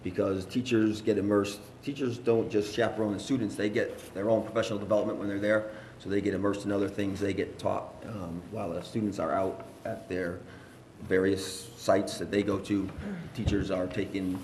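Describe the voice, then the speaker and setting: A very deep-voiced man speaks earnestly, in a loose, rambling way with plenty of fillers, as a teacher and parent at a school board meeting. His voice carries around an echoey room with a faint hum of ambience behind it. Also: flat delivery, normal speed, a little mellow. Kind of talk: informal public remarks.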